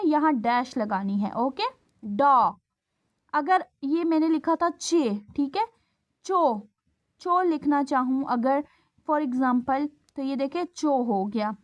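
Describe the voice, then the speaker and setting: A woman's voice: high-pitched, highs cut off. A woman teaching a shorthand class, patiently explaining, drawing out sounds and often checking if students follow. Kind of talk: classroom lesson.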